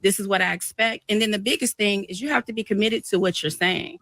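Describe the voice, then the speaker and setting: A woman, a relationship expert guest, explaining advice in a calm way. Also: medium pitch, fast talker, dry recording. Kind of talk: advice on talk show.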